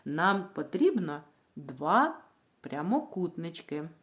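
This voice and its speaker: She's a primary school teacher guiding small children through a literacy lesson, her fairly low voice bouncing up and down in a lively way. Every word is drawn out slowly, syllable by syllable, at an unhurried pace. She asks the class something, then answers her own question.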